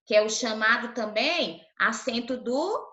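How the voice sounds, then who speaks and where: A woman's voice: fairly high pitch, expressive, measured pace, background noise. A Brazilian woman teacher giving an online class to young children, patiently sounding out syllables and checking in often. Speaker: primary school teacher. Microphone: video call. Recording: roomy, dull lo-fi call audio.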